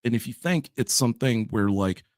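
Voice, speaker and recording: Man, podcast co-host, emphatic, opinionated, mid-pitched voice, dry close sound. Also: expressive, fairly quick, dry recording. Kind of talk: casual podcast chat.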